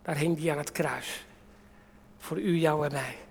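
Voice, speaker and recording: Dramatic preacher in a reverberant hall. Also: male voice, on the high side, steady tone, unhurried, slight background noise. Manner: dramatic, with acted-out quotes and big swings in loudness. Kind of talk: sermon. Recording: long reverb of a large hall.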